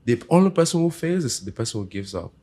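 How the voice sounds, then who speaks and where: A man's voice: medium pitch, fast talker, slight background noise. A man hosting a podcast, speaking casually and animatedly, originally from Africa with a local African first language. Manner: animated, laughs often, acts out quoted voices. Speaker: podcast host.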